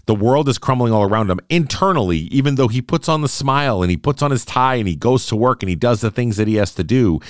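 A man's voice: medium pitch, no echo, clean studio sound. A man in his late forties hosting a solo podcast, talking earnestly and conversationally and often checking in with "right?". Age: 40s. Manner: earnest, conversational, repeats phrases and asks "right?". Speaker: podcast host.

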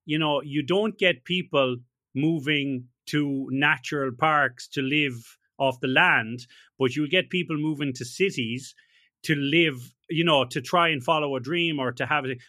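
A man's voice: on the high side, unhurried, sharp tone, no echo, studio quality. A man hosting a casual interview, thinking aloud and ending points with tag questions. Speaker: podcast host.

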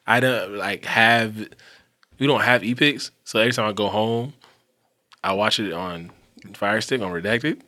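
Man, fairly low voice, bright tone, casual rambling chat, swears a lot. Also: measured pace. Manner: rambling, animated, swears freely. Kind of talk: casual chat about TV shows.

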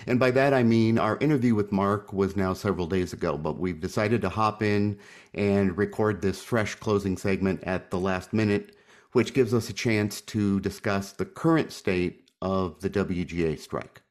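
Man, low-pitched, chatty, self-deprecating, podcast host. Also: moderate pace. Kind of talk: casual podcast chat and commentary.

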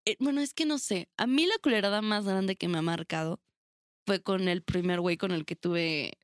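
A woman's voice: mid-range voice, normal speed, clear, resonant tone, dry recording, clean studio sound. A young woman with a Mexican accent, co-hosting a podcast in casual chat, telling stories bluntly and swearing freely. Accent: Mexican Spanish. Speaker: podcast co-host.

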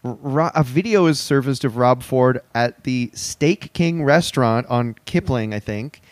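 A man's voice: medium pitch, unhurried, no echo. A young man casually retelling events on a comedy podcast, rambling with lots of laughs. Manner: rambling, giggly storytelling. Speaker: podcast host.

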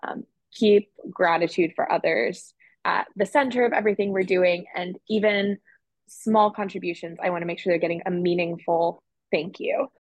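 A woman's voice: fairly low pitch, fairly even intonation, normal speed, no echo, muffled recording. A young woman who is a student managing editor, speaking earnestly with small fillers. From Washington, D.C. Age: young adult. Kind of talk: casual interview answers.

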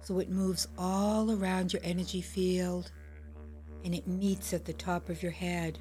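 A woman guides a meditation very slowly and gently. Her voice sits a little low and soothing, and she leaves space between phrases. Soft music plays behind her. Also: level tone. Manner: gentle, slow, soothing, unhurried delivery.

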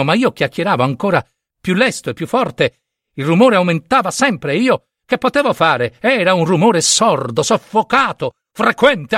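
A man giving a theatrical, intense reading of a first-person short story, rising at times to shouts. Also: fairly high pitch, no echo, clean studio sound.

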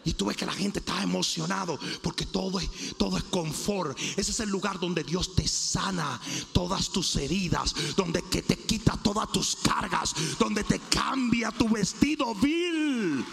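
Male pastor, gravelly, high voice, joking sermon, reverberant church hall. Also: unhurried, faint music behind. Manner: animated preaching with jokes and asides to the congregation. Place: church sanctuary.

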